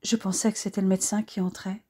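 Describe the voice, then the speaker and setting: A woman voicing a wounded young soldier who has just woken, softly spoken and earnest. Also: mid-range voice, level tone, quick pace, slightly rough, lightly acted. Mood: tender.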